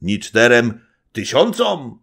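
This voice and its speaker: A jovial, boastful old nobleman who blusters and teases, as a man narrating an audiobook puts him on. His voice is pushed high and loud, with lots of bluster behind it. He mocks and brags freely. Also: very animated, slow, vocal fry, breathy edge, full character voice. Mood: teasing.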